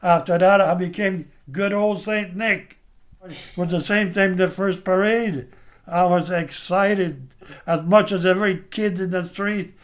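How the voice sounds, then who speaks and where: Older quebec guy, pretty high voice, stumbles and repeats words a lot. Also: fairly even intonation. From Quebec, Canada. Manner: halting, repeats words when starting. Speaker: volunteer Santa Claus. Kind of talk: telling a story in an interview.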